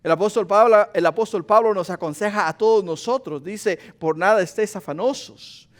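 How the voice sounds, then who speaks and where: A male pastor delivers a passionate sermon. His voice sits high for a man and keeps climbing louder and higher on repeated pleas, then sinks back to a low, quiet tone. He speaks straight to the congregation as brothers and sisters. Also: fairly quick. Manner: impassioned preaching, rising in pitch and volume on repeated pleas.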